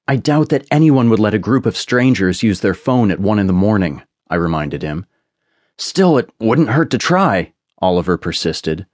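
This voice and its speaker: Low-voiced male audiobook narrator. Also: a little mellow, no room sound, clean studio sound. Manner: measured, suspenseful storytelling. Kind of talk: scripted narration.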